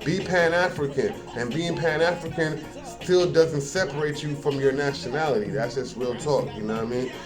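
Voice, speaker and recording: A man's voice: on the high side, normal speed, hardly any pauses, over music. A man giving a casual, rambling monologue, often repeating words and building to emphatic points.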